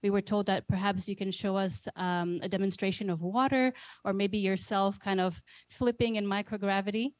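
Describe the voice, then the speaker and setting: A woman's voice: mid-range voice, steady tone, moderate pace, hardly any pauses, no room sound. A woman hosting an event, speaking unscripted in a friendly, polite and appreciative way. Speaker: event host and moderator.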